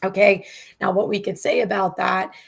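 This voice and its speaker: A woman's voice: medium pitch, little pitch movement, normal speed, creaky, husky. A woman therapist hosting a talk show, teaching in a casual, candid way with frequent asides. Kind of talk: live online talk show.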